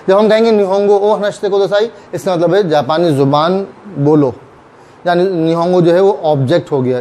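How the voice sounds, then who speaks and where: High-voiced man teaching Japanese slowly. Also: dark tone. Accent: Urdu. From Pakistan. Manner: patient, repeats example phrases slowly. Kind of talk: explaining grammar in a recorded lesson.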